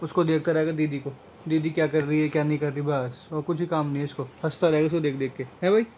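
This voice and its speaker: Male family vlogger, high-pitched, chatty and playful on a phone camera. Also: steady tone, fast, dull audio, a little hiss or hum. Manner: chatty, playful, talks to kids and viewers. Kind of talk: casual vlog narration. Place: home, indoors; later outdoors on a walk.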